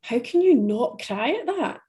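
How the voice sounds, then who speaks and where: Animated woman podcast host. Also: on the high side, normal speed. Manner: animated storyteller, quotes people, says "right?". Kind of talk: casual interview conversation.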